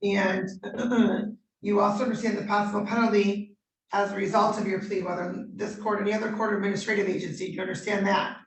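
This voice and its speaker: A woman judge conducting formal court proceedings in measured, procedural questions, heard on a courtroom recording. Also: medium pitch, flat delivery. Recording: roomy courtroom audio from a distant mic.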